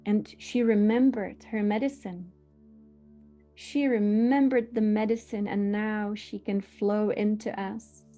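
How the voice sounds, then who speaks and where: Woman, spiritual teacher, warm mellow tone, earnest and unhurried delivery. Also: medium pitch, fairly even intonation, faint music behind.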